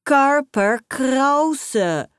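A woman's voice: medium pitch, big pitch swings, measured pace, a little mellow, no echo, studio quality. A woman voicing a theatrical, starstruck mother who draws out her words in swooning emphasis. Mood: gushing. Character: gushing middle-aged mother, starstruck and theatrical.

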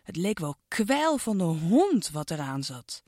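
A woman narrating a children's storybook with an expressive, sing-song delivery aimed at a child listener. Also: lowish voice, a little slow, no room sound, clean studio sound.

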